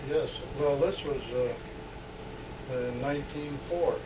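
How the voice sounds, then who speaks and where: Halting older American man on noisy old tape. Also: a little high. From San Diego, California. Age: late 60s. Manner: halting, pauses mid-phrase. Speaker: oral history interviewee. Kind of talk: unscripted reminiscence in an interview. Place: in a home, 1970s tape recording. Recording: old worn tape, loud noise, roomy, distant mic.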